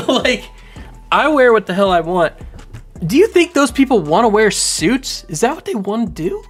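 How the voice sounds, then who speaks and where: A man in his thirties doing casual livestream commentary from home on a boom mic, rambling and animated, full of fillers. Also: normal speed, breathy edge, faint music behind. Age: 30s. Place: home room. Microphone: studio mic on boom arm.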